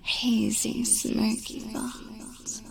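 A woman giving a drawn-out, seductive whispered hypnosis, telling the listener to sink deeper. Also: flat delivery, vocal fry.

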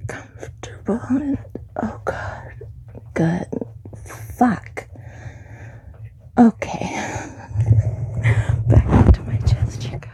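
Whispering woman, slow and hushed. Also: a little high, lively intonation, low-quality recording. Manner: breathy whisper with soft laughs and sighs. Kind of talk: intimate whispered audio recording. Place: room at home, on carpet. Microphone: close handheld mic.

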